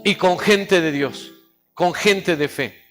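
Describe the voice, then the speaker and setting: A man preaching a sermon in a high voice, leading the congregation in call-and-response. His words ring out through a large church hall with a long echo. Soft instrumental music plays faintly underneath. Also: takes it slowly. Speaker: pastor.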